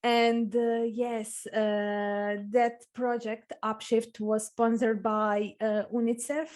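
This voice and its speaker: A young woman from Croatia with a Croatian accent, speaking halting non-native English as a guest author, full of uh fillers, on a video call. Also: on the high side, little pitch movement, a little mellow. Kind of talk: video interview.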